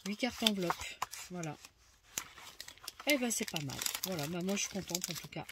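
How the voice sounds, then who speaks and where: A woman's voice: on the low side, expressive, normal speed, very noisy. A woman giving casual unboxing commentary on her craft purchases, chatty and hesitant, thinking aloud with many fillers. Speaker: craft vlogger showing a haul. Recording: loud crinkling of packaging and clicks.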